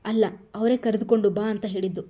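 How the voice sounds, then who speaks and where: A woman's voice: mid-range voice, fairly even intonation, fast, mellow, natural voice. A woman voicing a patient, teasing young man who coaxes and soothes his sweetheart in a storybook reading. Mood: coaxing. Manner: coaxing, soothing. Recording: dull lo-fi recording.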